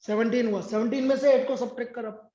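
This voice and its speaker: A man's voice: extremely high pitch, steady tone, fast talker, mellow. A man teaching a math class, scolding and sarcastic as he presses a student for answers. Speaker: math tutor. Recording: echoey room, dull sound.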